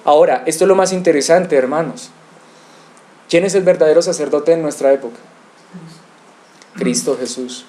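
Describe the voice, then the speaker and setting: A man's voice: on the high side, moderate pace, long pauses, dark tone. A male pastor preaching an expository sermon, asking rhetorical questions and addressing the congregation directly.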